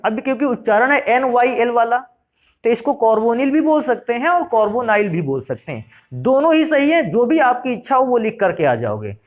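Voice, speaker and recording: Middle-aged guy teaching chem, high voice that jumps around a lot, keeps quizzing the class then answering himself. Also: big pitch swings, moderate pace, muffled recording. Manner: asks rhetorical questions and answers them; addresses students fondly as "beta". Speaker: chemistry teacher. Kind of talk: classroom lecture.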